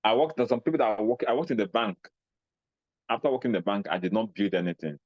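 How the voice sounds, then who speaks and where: A man with a Nigerian accent giving a motivational talk, animated, acting out little scenes in a raised voice. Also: on the low side, fast, dry recording, highs cut off. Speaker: speaker on personal finance.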